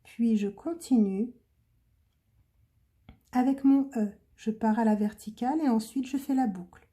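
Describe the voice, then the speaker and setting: A woman speaking slowly and deliberately, her voice dark and mellow yet a touch high. She guides young learners through handwriting one stroke at a time, calm and patient, every word clearly articulated. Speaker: teacher. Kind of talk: handwriting lesson, step-by-step instruction.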